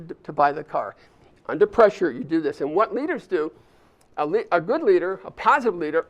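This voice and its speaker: A man's voice: high voice, dull audio. An older man giving a chatty leadership talk to a live audience, walking them through a hands-on exercise. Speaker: speaker at an alumni volunteer summit. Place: university event space with a live audience.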